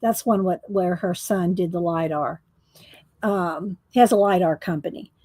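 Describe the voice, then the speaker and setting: A woman's voice: fairly low pitch, measured pace, warm tone, no room sound. A woman chatting casually with viewers during a coloring live stream, rambling and restarting her sentences. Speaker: livestream host coloring.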